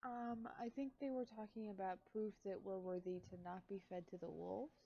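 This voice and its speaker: A woman's voice: mid-range voice, fairly even intonation, moderate pace, vocal fry, lo-fi sound. A woman playing a tabletop role-playing game, talking casually as a player.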